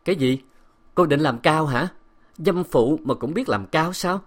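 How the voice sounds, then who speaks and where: A man's voice: medium pitch, lively intonation, a little fast, lightly acted. A harsh, contemptuous husband who barks orders and sneers, as a male narrator acts him out. His voice is raised and biting. Storybook audiobook reading. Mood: mocking. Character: cruel domineering young husband.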